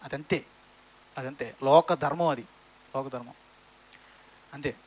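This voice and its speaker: A man's voice: medium pitch, takes it slowly, slightly rough. A man preaching a sermon in church, firing rhetorical questions at the congregation.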